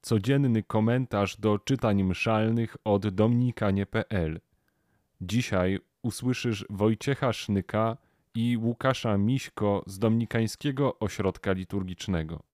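A man announcing a scripted show introduction in a plain, even manner. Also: on the low side, a little slow, no room sound, clean studio sound.

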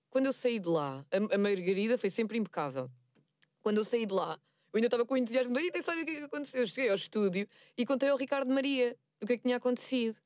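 A woman in her thirties hosting a podcast in a European Portuguese accent. She talks in a chatty, rambling, self-mocking way. Her voice sits a little high and sounds dry and close. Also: darkish tone, no room sound. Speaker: podcast host. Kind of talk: casual chat.

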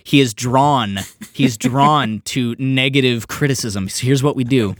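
A man's voice: medium pitch, unhurried, no room sound, studio quality. A man co-hosting a podcast, spinning a playful plan and laughing often in casual chat. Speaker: podcast co-host.

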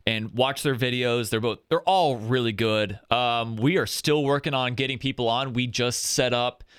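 Young guy hosting a gaming podcast, smooth clear voice, dry close sound, just chatting away. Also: medium pitch, normal speed, dry recording. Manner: chatty, wraps up with plugs and shout-outs. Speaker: podcast host. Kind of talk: casual gaming podcast chat.

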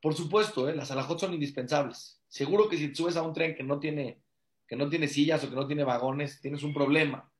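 A man, a rabbi giving a conversational religious class. His voice sits fairly high, and he talks earnestly, circling back on his own phrases and posing question after question to his listeners. The room around him rings with a clear echo. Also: fairly quick. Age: adult father. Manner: earnest, repeats phrases for emphasis, many rhetorical questions.

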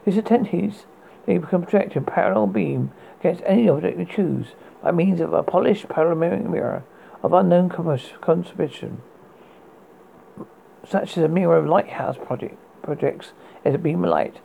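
Man reading as a gravelly, formal science professor. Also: sits high, narrow, tinny audio, slight background noise. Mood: grave, explanatory. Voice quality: gravelly, husky. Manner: halting, formal. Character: solemn male scientist professor, measured and learned. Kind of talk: 1930s radio drama reading.

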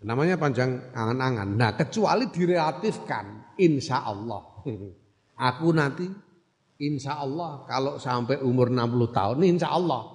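A man's voice: medium pitch, expressive, moderate pace. Man teaching in a reverberant hall. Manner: reads Arabic text, glosses it in Javanese, then explains in Indonesian; checks in with listeners with short questions. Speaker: religious teacher. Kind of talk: classical text study lesson.

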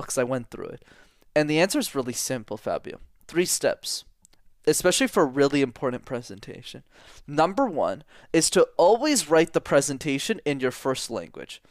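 A young public speaking coach from Montreal, Canada talks energetically and directly in a casual interview, often repeating words for emphasis. His voice is medium-pitched, and the studio sound is clean with no echo.

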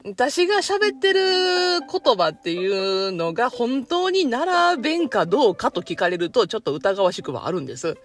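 Kansai woman rambling casually, laughs at herself a lot, bouncy pitch. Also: very animated, moderate pace, few pauses. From Kansai, Japan. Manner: chatty and self-deprecating, laughs easily. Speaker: podcast host. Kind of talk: casual monologue.

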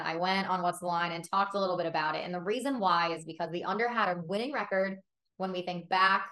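A woman's voice: on the low side, sharp tone. A woman co-hosting a sports betting podcast, chatting casually, emphatic and often laughing as she talks. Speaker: podcast co-host.

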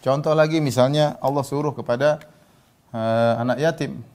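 A man preaching a sermon, slowly chanting Arabic verses and then explaining them in a loose, everyday way with fillers. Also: mid-range voice, fairly even intonation, darkish tone. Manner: loose speech with fillers and colloquial asides. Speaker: Islamic preacher. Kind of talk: sermon with Quranic recitation.

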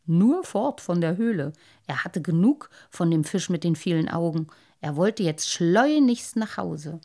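A woman reading a children's story aloud with expressive, lively narration. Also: lowish voice, unhurried.

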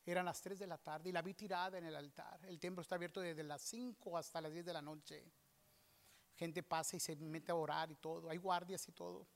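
A male pastor preaching a sermon, moving between soft asides and loud outbursts. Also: a little high, steady tone, brisk, creaky.

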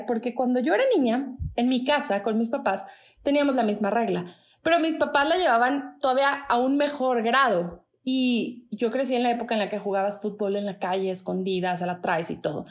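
A middle-aged woman, hosting an advice podcast in a casual, conversational way and acting out the voices she quotes. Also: on the high side. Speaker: podcast host.

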